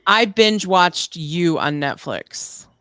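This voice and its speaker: Chatty woman in her forties, low voice. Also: animated, slow, a bit bright, clean tone, no room sound, clean studio sound. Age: 40s. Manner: chatty storyteller, teasing. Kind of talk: casual podcast chat.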